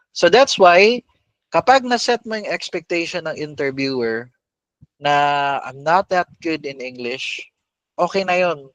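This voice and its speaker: Male podcast host, lively coach, fairly high voice, dry booth sound. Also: no room sound. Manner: animated, mixes Tagalog and English, addresses listeners as boss. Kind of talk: casual coaching talk to listeners.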